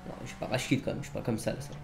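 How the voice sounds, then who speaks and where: A man giving casual, excitable gameplay commentary to a friend, given to exclamations. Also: racing, slight background noise. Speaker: gamer.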